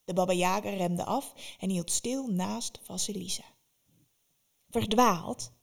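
A woman narrating a fairy tale in a lively, expressive storytelling manner. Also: medium pitch, moderate pace, creaky.

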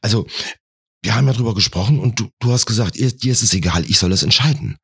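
Man voicing a nervous young boyfriend, stammering, eager to please, very low, husky. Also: fast talker, no room sound, clean studio sound, heavily acted. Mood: flustered. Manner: hesitant, stammering, anxious to please.

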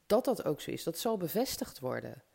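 A podcast host with a low, sing-song voice speaks a little fast, with vocal fry and a slightly rough, somewhat mellow quality. Nursing a slight cold and a stuffy nose, she delivers an encouraging motivational self-help monologue aimed straight at the listener.

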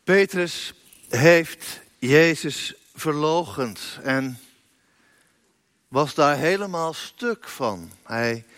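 Slow, lively-voiced man reading scripture. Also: on the high side, no echo. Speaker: pastor. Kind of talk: Bible reading in a church service.

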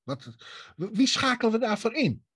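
A man's voice: extremely high pitch, sing-song, bright, forceful tone, breathy edge, no echo, clean studio sound. Levendige Nederlandse man, wat schorre stem. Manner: halting, repeats words and asks himself rhetorical questions. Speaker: guest telling about a local government dispute. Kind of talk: animated conversational storytelling with acted-out dialogue.

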